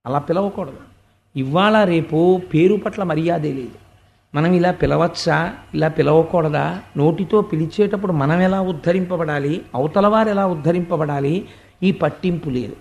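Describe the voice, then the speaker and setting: A man's voice: a little high, normal speed, creaky, a little mellow, highs cut off. A man giving a devotional sermon and telling a story in an emphatic way, stretching words for emphasis. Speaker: religious discourse speaker.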